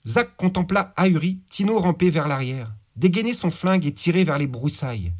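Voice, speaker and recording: A man's voice: a little high, animated, moderate pace. A man narrating a gritty crime story in slangy, vivid audiobook style. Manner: slangy, vivid, voices characters. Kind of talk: audiobook narration with character voices.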